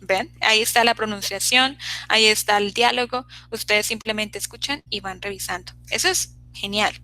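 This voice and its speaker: Bright-voiced woman teaching online. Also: medium pitch, normal speed, low-quality recording. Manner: checks in constantly with "¿cierto?" and "¿sí?". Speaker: English teacher. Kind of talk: online class lesson.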